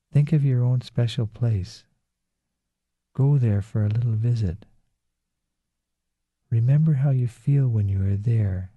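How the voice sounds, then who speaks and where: Slow soothing man guiding relaxation. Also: medium pitch, dark tone, dry recording. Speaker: relaxation guide. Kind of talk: guided relaxation script. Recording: dull lo-fi recording.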